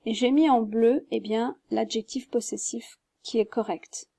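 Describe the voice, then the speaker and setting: A woman gives a French grammar lesson in a high, mellow voice, walking through each example patiently and spelling words letter by letter. The recording is dry and close, with no room sound. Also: fairly even intonation, a little slow, gravelly, no room sound. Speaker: French teacher.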